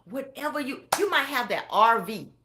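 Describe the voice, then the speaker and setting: A middle-aged woman giving a motivational budget coaching talk, preachy and exuberant, swinging from hushed tones to loud cheering. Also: high-pitched, expressive, moderate pace, noisy background.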